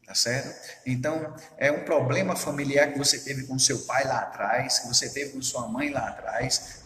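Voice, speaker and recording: A man's voice: mid-range voice, sharp tone. A man preaching a sermon as a pastor, earnest and often checking in with his listeners. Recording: echoey hall reverb.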